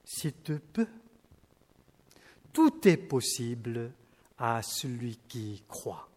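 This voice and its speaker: A man reading as a stern teacher, solemn and slow. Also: mid-range voice, very animated, a little mellow, long reverb tail, full character voice. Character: stern male teacher rebuking a crowd.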